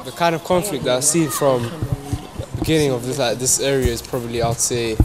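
A man's voice: medium pitch, steady tone, brisk, crowd noise. A teenage boy speaking hesitantly with many fillers, interviewed outdoors.

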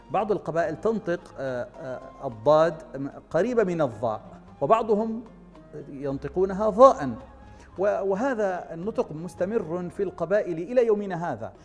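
A man, a scholar of Quranic recitation, explaining in a measured way with drawn-out fillers and spoken pronunciation demonstrations, as a TV studio guest. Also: high voice, lively intonation, a little mellow. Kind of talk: explanatory TV interview answer. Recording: reverberant studio with faint background music.

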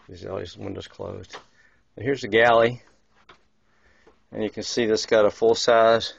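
This gravelly, lowish male voice belongs to a guide narrating as he films a tour of a yacht, wandering through its small wood-paneled cabins. He's casual and rambling, full of fillers and restarts. Audio comes from a handheld camera microphone and has a dull, lo-fi camcorder quality.

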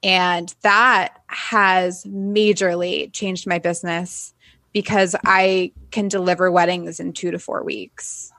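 Chatty woman guest with a lowish voice. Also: level tone, slow pace, sharp tone, no echo. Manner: chatty and upbeat, laughs at herself. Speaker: wedding photographer and business owner, podcast guest. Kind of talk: conversational interview.

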